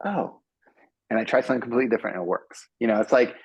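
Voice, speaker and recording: A man, a software engineer, giving earnest advice to students on a panel and acting out his own thoughts as he goes. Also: mid-range voice, rapid-fire, gravelly, husky, no room sound. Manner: earnest, animated, acts out his own inner voice.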